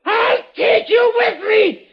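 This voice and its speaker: A man's voice: medium pitch, animated, measured pace, long reverb tail, a crowd in the background, close to an everyday voice. A man playing a gloating, cold-blooded professor. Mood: desperate. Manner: sneering, then hysterical screaming. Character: gloating murderous male professor, cold and vain. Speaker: villain. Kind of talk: 1940s radio acting. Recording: lo-fi old radio recording.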